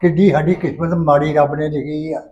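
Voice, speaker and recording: A man's voice: fairly high pitch, fairly even intonation, brisk, a little mellow, husky, dull audio. A man with a Punjabi accent playing an aging village father, lamenting fate and laying down family terms.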